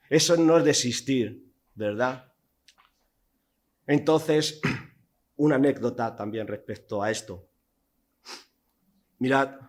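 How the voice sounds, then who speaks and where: A man from Spain, preaching a sermon in a church hall, telling the story vividly with rhetorical questions and swings from loud to hushed. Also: fairly high pitch.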